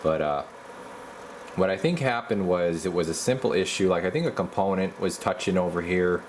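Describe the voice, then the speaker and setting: A low-voiced man, a radio repair technician who hosts videos, talks casually through hands-on repair work. He speaks haltingly and folksily, as if thinking aloud, with noticeable background noise behind him.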